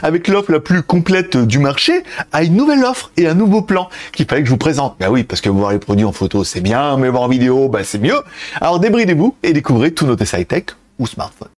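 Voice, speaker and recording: A man's voice: fairly high pitch, very animated, brisk, a little mellow. A man doing a chatty tech review, talking straight to his viewers. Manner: chatty, addresses viewers directly.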